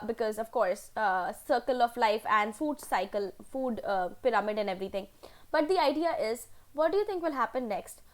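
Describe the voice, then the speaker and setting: Animated chatty woman teacher, higher pitch. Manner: animated, chatty, with frequent fillers and asides. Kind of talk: online class storytelling.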